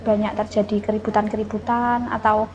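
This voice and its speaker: A woman employee as a podcast guest, speaking earnestly and softly and rounding off her thoughts with casual tags. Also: medium pitch, flat delivery, fairly quick, dull audio, a little hiss or hum. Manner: earnest, soft-spoken, ends thoughts with sih.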